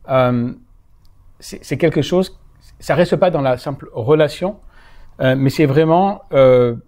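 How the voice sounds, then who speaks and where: A man's voice: a little high, darkish tone. A man giving a live talk to an audience, speaking with frequent hesitations, fillers and self-corrections. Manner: hesitant, many fillers and restarts. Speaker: lecturer. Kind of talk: live lecture. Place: lecture hall.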